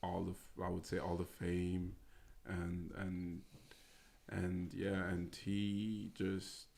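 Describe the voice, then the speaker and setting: Being interviewed casually as a guest, this American football player from Austria, in his 20s, speaks in a very deep, gravelly voice with a flat, even pitch. His speech is halting: he pauses on fillers and keeps starting over.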